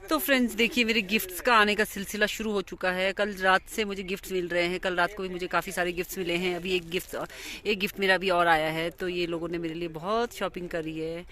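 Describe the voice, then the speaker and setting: A woman's voice: lowish voice, steady tone, fast talker, hardly any pauses, pushed and bright. A woman with an Indian accent, chatting casually to viewers as she vlogs through a market street, filming on her phone without a mic. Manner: chatty, repeats herself, points things out to viewers. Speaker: vlogger. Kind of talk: casual vlog narration. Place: outdoors in a busy market street. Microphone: phone camera without external mic. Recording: crowded outdoor street noise. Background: crowd and passing vehicles.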